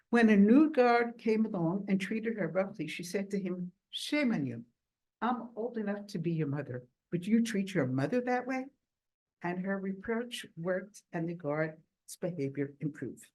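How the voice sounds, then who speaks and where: In poor audio, a woman lectures academically at a workshop, her mid-range voice darkish and husky. She reads quoted texts aloud in a measured, deliberate manner, slowing down on key words.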